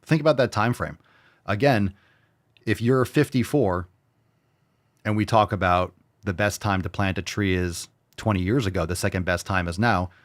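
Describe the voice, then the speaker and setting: A man's voice: fairly low pitch, moderate pace, dry recording, studio quality. Blunt, profane man in his forties. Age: 40s. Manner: blunt, profane, pushy motivator. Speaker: fitness show host. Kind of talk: motivational livestream talk, reading viewer comments.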